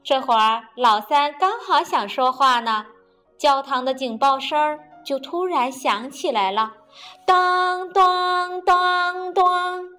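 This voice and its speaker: 慢悠悠讲童话的女声. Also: female voice, high-pitched, lively intonation, fairly bright tone, soft background music. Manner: slow, sing-song, drawn-out. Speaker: storyteller. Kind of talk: children's storytelling.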